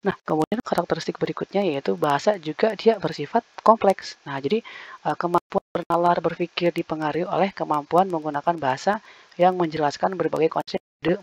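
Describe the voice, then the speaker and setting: A man's voice: fairly high pitch, vocal fry, no echo. A man giving a casual, chatty lecture, full of fillers and tag questions, sometimes acting out little quoted reactions. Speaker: university lecturer. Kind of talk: recorded online lecture.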